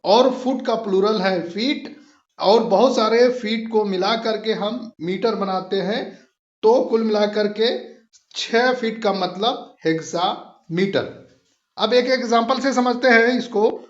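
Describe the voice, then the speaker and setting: Teacher, male, high voice, unhurried, patient explainer; echoey lo-fi room recording. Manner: patient, repeats points and checks understanding. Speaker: English literature teacher. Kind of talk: explanatory lesson mixing Hindi and English. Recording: echoey room, dull lo-fi sound.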